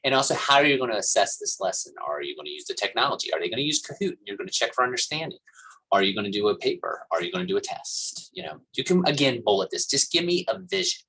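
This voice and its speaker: A man's voice: medium pitch, big pitch swings, fast talker, creaky, pushed and bright, husky, rough recording. A man teaching a college class, explaining an assignment in a casual, rambling way with plenty of fillers. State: coughing and hiccuping. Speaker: college instructor. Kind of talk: recorded class lecture.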